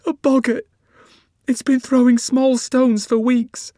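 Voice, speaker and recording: A man reading aloud voices a desperate young farmer's wife, pitching his voice high and strained with grief. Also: level tone, takes it slowly, mellow, dry recording, studio quality. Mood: frantic, tearful.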